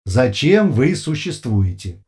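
A man voicing an unseen, emotionless interrogator with a booming, colourless metallic voice, firing short clipped questions loudly and slowly without pause, in an audiobook reading. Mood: cold, flat. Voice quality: flat, metallic, toneless.

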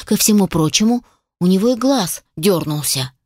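A woman narrating a first-person fantasy audiobook in a wry, expressive storytelling manner. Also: mid-range voice, normal speed, no echo, studio quality.

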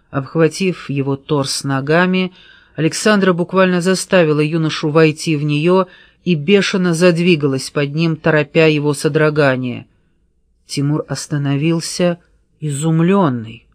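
A woman reading an audiobook novel in a steady storytelling manner. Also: sits low, normal speed, no room sound, clean studio sound. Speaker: audiobook narrator. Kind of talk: scripted narration.

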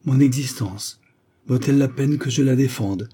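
A man's voice: medium pitch, normal speed, dark tone, slight background noise, pitched above the performer's own voice, lightly acted. A man voicing a melancholy young woman accused of a crime, telling her story in a sorrowful then firm way.

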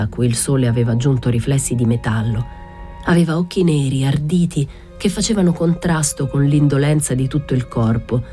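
A woman reading a literary novel aloud, narrating in the first person with a steady, measured delivery. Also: sits low.

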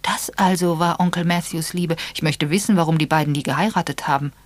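A woman voicing an eager, impatient young man who talks excitedly and brusquely. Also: deep voice, brisk, dry recording, pitched above the performer's own voice, close to an everyday voice.

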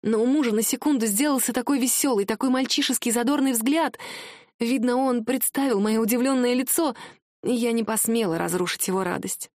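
A woman narrating a first-person audiobook with even, expressive storytelling. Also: a little high, a little fast, no echo, clean studio sound.

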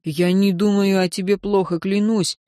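A woman voicing a stubborn, protective man in an audiobook, speaking in a measured, grumbling way. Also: mid-range voice, flat delivery, dark tone, no room sound, clean studio sound, lightly acted. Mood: earnest. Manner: measured, grumbling, hesitant at times. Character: protective young nobleman, stubborn. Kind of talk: audiobook character reading.

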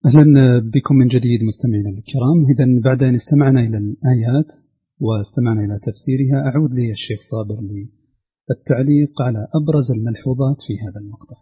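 A man hosting a radio program, reading Quran commentary aloud in a measured, formal way. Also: medium pitch, breathy edge. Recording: dull lo-fi sound with long reverb.

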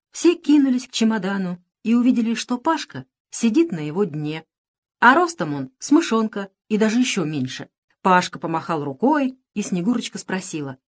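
A woman narrating a children's story in a lively, expressive way. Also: medium pitch. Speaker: audiobook reader.

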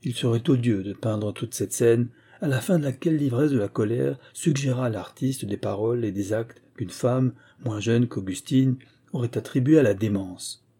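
Male audiobook narrator, very dark tone, husky, measured, literary reading. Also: mid-range voice.

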